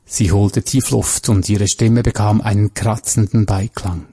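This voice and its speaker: A man narrates a crime story at a measured, even pace. His voice is dark and mellow, with a husky edge. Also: fairly low pitch.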